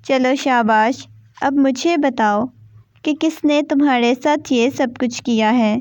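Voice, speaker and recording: A woman's voice: high voice, a little mellow, dry recording, lightly acted. A woman reading as a stern, short-tempered young husband. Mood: coaxing. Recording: dull, dry lo-fi recording.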